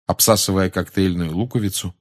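A man narrating an audiobook in a measured, expressive manner. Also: sits low. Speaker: audiobook reader. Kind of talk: scripted narration.

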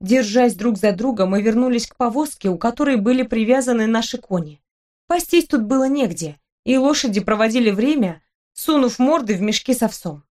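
A woman reading a first-person story aloud as audiobook narration, with expressive, lively delivery. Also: on the high side, fairly quick.

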